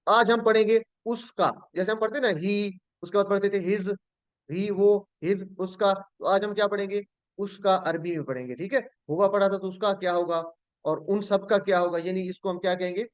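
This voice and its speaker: A man's voice: high voice, steady tone, moderate pace, smooth, no echo. A male teacher leads an online Arabic grammar class. He speaks patiently, repeats key words and asks his students questions. The sound is dull and dry, as if from a computer microphone on a video call.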